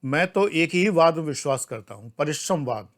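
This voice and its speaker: Older Indian man, exam-prep teacher, slightly high voice, forceful scolding lecture style. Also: animated, normal speed. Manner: emphatic and scolding, swings between loud outbursts and low asides. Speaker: civil services exam teacher. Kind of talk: lecture to online class.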